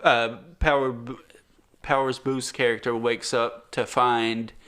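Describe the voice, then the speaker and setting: A man's voice: mid-range voice, flat delivery, a little slow, a bit bright, smooth. A man co-hosting a podcast, chatting casually about a movie, rambling and trailing off with frequent laughs. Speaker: podcast co-host. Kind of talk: casual movie review chat.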